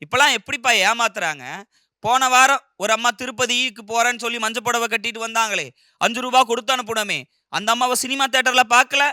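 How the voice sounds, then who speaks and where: A man's voice: very high-pitched, fast, pushed and bright, dry recording, clean studio sound, voice pushed up, exaggerated voice. A man voicing a stern, suspicious middle-aged husband who scolds and insists in a storybook retelling. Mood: lecturing.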